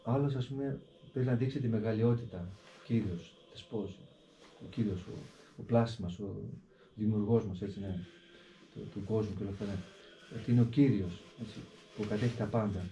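A man, a hermit monk, explaining a prayer in an interview in a deliberate way, often repeating a filler word and slowly reciting the prayer with shifting stress. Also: lowish voice, dark tone. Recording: echoey, dull recording with faint background noise.

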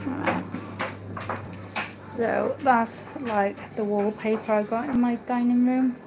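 A woman's voice: on the high side, fairly even intonation, slow, lo-fi sound, heavy background noise. Chatty woman livestreaming from her kitchen. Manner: chatty, rambling, talks while doing chores. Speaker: livestream host. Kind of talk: casual cooking livestream chat. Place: small home kitchen and dining room. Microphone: phone camera, often at arm's length or propped across the room.

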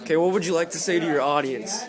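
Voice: medium pitch, expressive, fast talker, a crowd in the background. Camera operator on old camcorder audio. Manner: playful cheering and coaxing. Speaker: person filming a home video. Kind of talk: casual home video chat.

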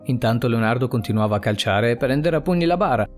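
Brief: male narrator for a suspense story, animated pitch, faint music under him. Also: fast. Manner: dramatic, expressive reading.

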